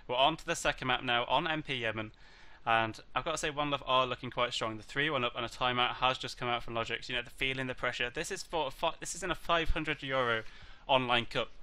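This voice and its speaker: A tired man casts a live online game tournament through a headset mic. He talks very fast in a sharp, bright voice and rambles on in a chatty way, throwing joking asides to the viewers. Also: mid-range voice, steady tone, clean tone. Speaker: esports caster and host. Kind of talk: casual live-stream commentary. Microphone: headset mic with voice activation.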